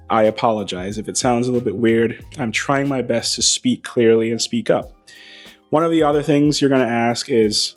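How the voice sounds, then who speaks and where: An aviation channel host stands beside a plane in a hangar, talking casually to camera in a wry, playful and lively way through a small wireless mic. His medium-pitched voice is a little hoarse because he's losing it.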